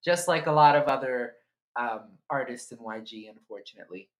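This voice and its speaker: A man's voice: medium pitch, brisk. A man co-hosting a podcast in casual chat, hesitant, with many fillers and self-corrections. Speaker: podcast co-host.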